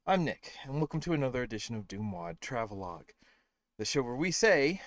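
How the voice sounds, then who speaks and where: Very animated and fairly quick, this streamer host speaks at a medium pitch with no room sound. He's tired and slightly breathless as he chats casually through a home game stream, rambling, running himself down, and filling gaps with fillers.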